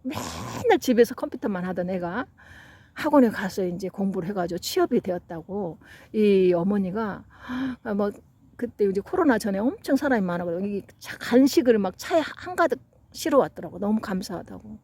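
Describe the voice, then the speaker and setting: A middle-aged woman lecturing on psychology and parenting in a mellow, darker tone. She tells her stories earnestly and acts out the quoted parents and children. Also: medium pitch, expressive, normal speed, husky. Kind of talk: lecture with anecdotes.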